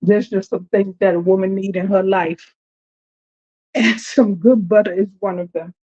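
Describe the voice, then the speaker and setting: A woman's voice: mid-range voice, steady tone, normal speed, mellow. A woman, talking casually to viewers in her home kitchen and complaining with dramatic exasperation. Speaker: home cooking vlogger. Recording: dull lo-fi audio.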